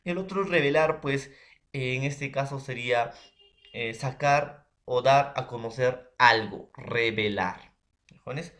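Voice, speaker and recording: Halting man presenting a lesson. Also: mid-range voice, fairly bright tone. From Peru. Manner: keeps addressing teacher and classmates between phrases; halting, many fillers and checks for understanding. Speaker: student presenting to class. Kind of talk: classroom presentation.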